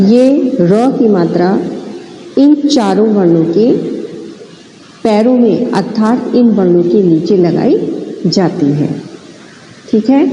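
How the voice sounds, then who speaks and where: Slow, dark-voiced woman teacher. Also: mid-range voice. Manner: slow, syllable-by-syllable spelling with frequent check-ins. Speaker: Hindi teacher for children. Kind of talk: classroom lesson, spelling words aloud. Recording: echoey room with long reverb, faint noise.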